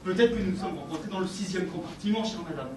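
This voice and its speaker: A man playing a courtly English husband, high-voiced and quick, fussily exact about every detail. The voice comes from across an echoey stage, with steady noise behind it. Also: distant mic, lightly acted. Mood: courteous. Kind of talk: amateur stage acting. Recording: echoey stage from afar, noisy.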